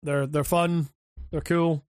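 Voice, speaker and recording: High-voiced, profane rambling man. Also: flat delivery, slow, darkish tone, smooth, dry recording, clean studio sound. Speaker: podcast co-host. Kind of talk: casual chat.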